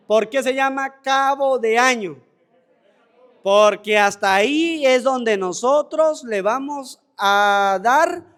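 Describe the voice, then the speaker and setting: High-voiced man preaching with rhetorical questions. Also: a bit bright. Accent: Venezuelan Spanish. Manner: rhetorical questions answered himself; emphatic preaching, repeats phrases. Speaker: priest. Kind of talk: homily at mass.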